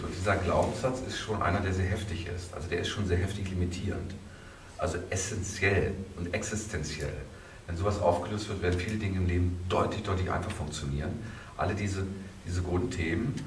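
A male coach leads a live session in front of a group, playful and provocative. His voice sits on the lower side. It is caught from a distance in a very echoey room with a clear hiss underneath. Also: fairly quick. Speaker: coach and therapist. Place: seminar room.

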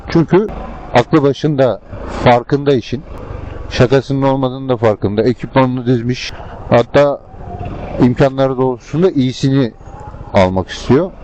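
A motovlogger rides a scooter through traffic, chatting casually and colloquially to viewers from inside his helmet. His mid-range voice is a little slow, with long pauses. The helmet-mounted mic sounds muffled, and loud engine, road and traffic noise surround him.

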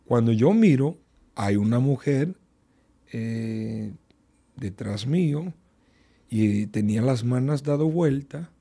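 A pastor speaks as a guest on a radio program, telling a testimony in a gravelly, husky voice. His tone is dark and mellow, and he takes his time, with plenty of fillers and repeated words. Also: medium pitch, animated. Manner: unhurried storytelling with many fillers and repetitions.

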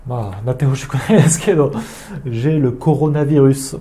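A man teaching French phrases in an online lesson, speaking slowly and repeating each word carefully for his learners. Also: medium pitch, fairly even intonation, dark tone.

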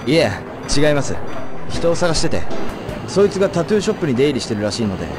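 A man's voice: on the high side, sing-song, fast. An actor playing a serious, stoic young man in a video game, speaking in a terse, earnest and polite way. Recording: music behind the voice.

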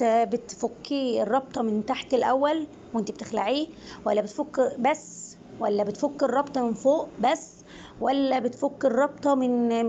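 Fast-talking Egyptian woman, mellow voice. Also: on the high side, lo-fi sound, a little hiss or hum. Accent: Egyptian Arabic. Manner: hesitant, many restarts, addresses viewers directly. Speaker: nursing assistant sharing exam questions. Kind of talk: casual spoken recap.

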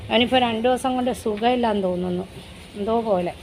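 A woman's voice: on the high side, fast, gravelly, a little mellow, a little hiss or hum, low-quality recording. A woman, chatting tenderly in a casual pet vlog, recorded outdoors at a house. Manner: chatty, tender, often coos to the dogs. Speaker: pet vlogger.

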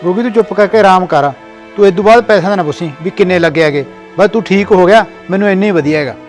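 An actor playing an earnest farmer elder brother who talks plainly and reassuringly. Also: male voice, high-pitched, fast, soft background music, lightly acted. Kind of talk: village family drama acting.

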